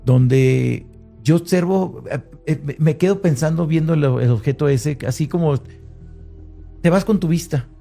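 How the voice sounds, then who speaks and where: A man's voice: fairly high pitch, vocal fry, warm tone, faint music behind. A man with a Mexican Spanish accent, telling an interviewer his own story in conversational Spanish, hesitant, with restarts and fillers. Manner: hesitant, with many restarts and fillers, slowing at tense moments. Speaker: interviewee recounting an encounter. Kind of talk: conversational first-person account.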